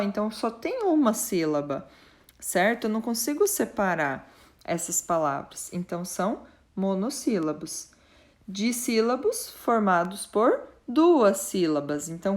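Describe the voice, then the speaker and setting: A woman teacher explaining a lesson patiently, often checking in with her students and slowly drawing out example words. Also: medium pitch.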